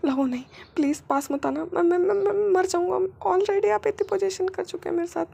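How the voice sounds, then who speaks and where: Brief: woman reading as a delicate young man, high, pleading and stammering, gravelly fry. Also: fairly quick, dark tone, heavily acted. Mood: distressed. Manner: high pleading voice, breaks into sobs; stammers in panic. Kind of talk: reading a fan story aloud.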